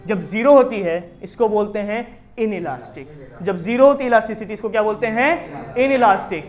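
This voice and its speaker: A man teaching a commerce class, explaining with lively questions to his students. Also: high voice, moderate pace, soft background music. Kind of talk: classroom lecture in Hindi with English terms.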